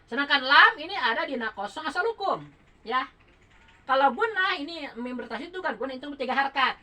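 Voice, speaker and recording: Bright, slightly high female teacher; patient, repeats letters and counts beats aloud. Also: lively intonation, fairly quick, poor audio. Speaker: Quran recitation teacher. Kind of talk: casual home lesson.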